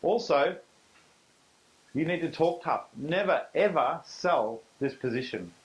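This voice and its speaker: A man's voice: on the high side, animated, slow pace, low-quality recording. A middle-aged man with an Australian accent, presenting a live business seminar in a conversational, emphatic way. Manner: conversational, emphatic, acts out quoted dialogue.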